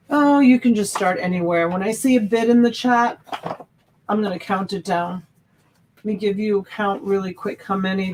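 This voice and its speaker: A woman's voice: medium pitch, a little hiss or hum, poor audio. A woman selling live in casual auctioneer patter, counting and calling out bids.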